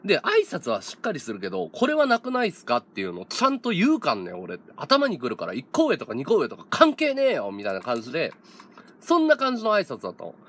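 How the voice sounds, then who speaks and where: A man's voice: fairly high pitch, huge pitch swings, fast talker, fairly bright tone, husky. A man in his thirties, a streamer, telling a story in casual chat, laughing often and acting out other people's lines. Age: 30s.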